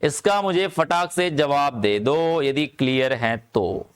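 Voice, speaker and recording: Male online chemistry tutor, slightly higher voice, repetitive and coaxing with students. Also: clean tone. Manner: urges students to answer quickly, repeating phrases; calls students "bachcha" and "bhai". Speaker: chemistry teacher. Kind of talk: live online class lecture.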